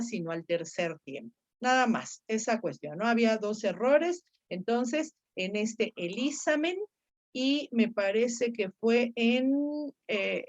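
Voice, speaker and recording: A woman's voice: fairly high pitch, a little mellow, highs cut off. A woman teaching Ancient Greek grammar, explaining patiently step by step and quizzing her students. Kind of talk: online grammar lesson.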